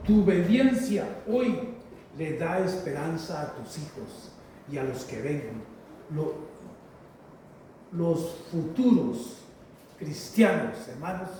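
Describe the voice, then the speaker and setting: A man preaching a sermon in a slow, emphatic way, repeating phrases and calling listeners brothers, with a heavy cathedral-like echo. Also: a little high, dark tone. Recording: very echoey hall, voice from far off, faint noise.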